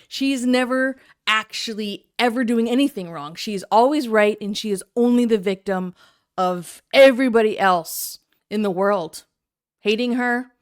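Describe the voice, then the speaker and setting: A woman's voice: fairly high pitch, a little slow. A woman hosting a reaction video, commenting critically and sarcastically on a livestream clip.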